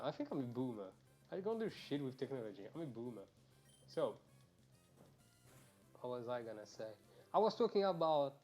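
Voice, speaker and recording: Live-streaming a game, a young man rambles and chats with his viewers, drifting between subjects and swearing freely. His pitch is an ordinary middle range. The quiet, low-level earphone mic picks up faint game music underneath.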